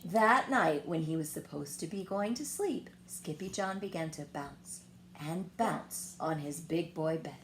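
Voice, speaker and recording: A woman reading a children's picture book aloud in an expressive, dramatic storytelling manner. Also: sits low, slight background noise. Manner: expressive, dramatic pauses and whispers.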